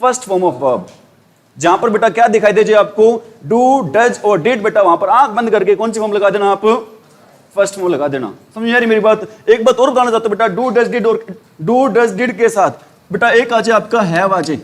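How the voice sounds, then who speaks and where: A man's voice: high-pitched, lively intonation, brisk. A middle-aged man teaching an English grammar class in Hindi with a Hindi accent, quizzing students with repeated questions.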